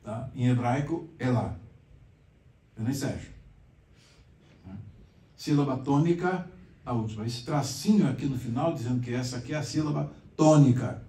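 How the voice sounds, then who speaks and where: Brazilian pastor-teacher, chatty explainer, mellow tone, distant mic in echoey classroom. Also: male voice, mid-range voice, normal speed, long pauses. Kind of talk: conversational Bible class teaching. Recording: echoey room, mic far off.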